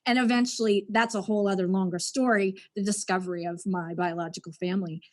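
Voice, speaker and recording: A woman's voice: mid-range voice, fairly even intonation, fast talker. A woman from Canada, a guest on a podcast who works in education, telling her own story in a frank, reflective way with an occasional laugh. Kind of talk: candid personal storytelling.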